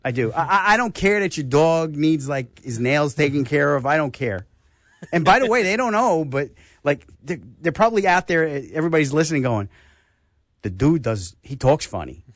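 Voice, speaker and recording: An older man with a New York accent, hosting a radio health talk show and telling stories in a casual, animated way. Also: a little high, moderate pace, no echo, clean studio sound. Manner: animated storyteller, acts out voices.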